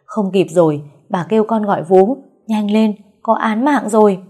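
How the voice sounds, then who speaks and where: A woman's voice: mid-range voice, normal speed, dark tone, soft background music, voice pushed up, natural voice. A woman voicing a frightened young servant girl in an audio story, speaking in a trembling, urgent way.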